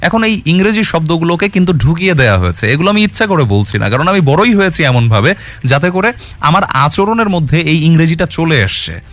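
A man's voice: on the high side, very animated, fairly quick, fairly bright tone, dry recording. A man giving an earnest explanatory talk, arguing his point with rhetorical questions and dropping English words into his speech. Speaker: commentator on language.

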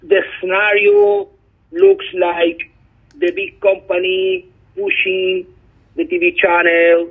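A slightly high, husky male voice comes through a thin, tinny telephone line. He is a guest journalist, pausing often with ums as he makes his points earnestly. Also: sing-song. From Chile. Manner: hesitant, frequent ums, earnest. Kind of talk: phone interview.

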